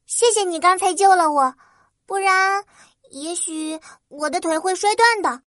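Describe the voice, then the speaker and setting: Tiny, bossy, high-pitched flower fairy girl. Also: moderate pace, sharp tone, no room sound, clean studio sound. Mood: softened, sincere. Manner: petulant, complaining, emphatic. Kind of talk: children's storybook character voice.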